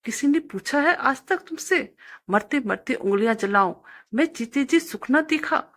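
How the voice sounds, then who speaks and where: A woman's voice: medium pitch, sing-song, unhurried, vocal fry, sharp tone, husky, exaggerated voice. A woman voicing a stubborn, poor elderly village mother who scolds and pleads with her son. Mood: scolding.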